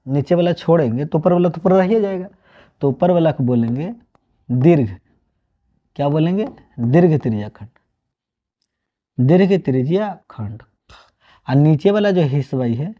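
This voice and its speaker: A man from Bihar with a Bihari accent, teaching a math lesson online. He asks questions and answers them himself, mixing Hindi with regional dialect. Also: on the high side. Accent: Bihari, Magahi-tinged Hindi. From Bihar, India. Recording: dull lo-fi sound.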